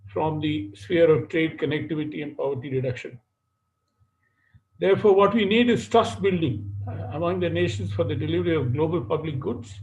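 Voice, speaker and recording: A man moderating a webinar, giving formal opening remarks in a measured, hesitant way with frequent fillers, heard over a video call. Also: on the high side, a little mellow. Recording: dull lo-fi webinar audio.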